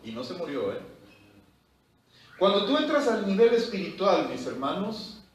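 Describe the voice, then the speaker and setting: Pastor exhorting in an echoey church hall. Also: male voice, sits high, big pitch swings, moderate pace, far from the mic. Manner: exhorting, reads scripture aloud and comments with asides. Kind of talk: Bible study sermon.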